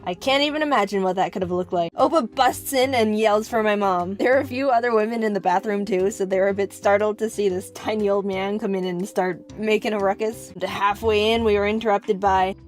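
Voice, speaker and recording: A young woman narrating funny personal stories, sarcastic and expressive, with sudden high yells. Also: brisk, hardly any pauses, soft background music. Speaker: animator and narrator. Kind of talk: comedic storytime narration.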